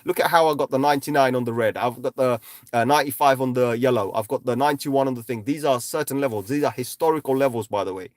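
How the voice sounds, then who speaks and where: A man at a middle pitch hosts a casual livestream chart walkthrough. He talks emphatically, in quick bursts broken by slower stressed points, and tags nearly every thought with "right?". The sound is dry and close, with no room around it. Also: no echo. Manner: emphatic, repeats "right?" constantly. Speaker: crypto chart analyst livestreaming.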